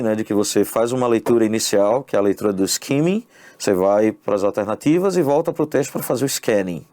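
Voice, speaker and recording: A man's voice: medium pitch, a little mellow, dry recording. Male English teacher explaining exam questions. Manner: explanatory, addresses the viewer directly with tag questions. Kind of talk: exam review lesson. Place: online video lesson.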